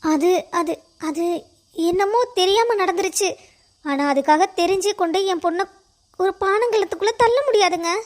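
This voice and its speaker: A woman's voice: very high-pitched, moderate pace. A woman doing a stubborn, anxious cartoon mother. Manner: pleading then stubbornly arguing.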